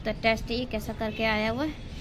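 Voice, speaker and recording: A woman's voice: fairly high pitch, a little fast, over music. A woman vlogger chatting casually with her viewers while out and about, filming on a handheld phone. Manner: chatty, addresses viewers as friends. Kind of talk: casual vlog chat. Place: outdoors at a park and school gate.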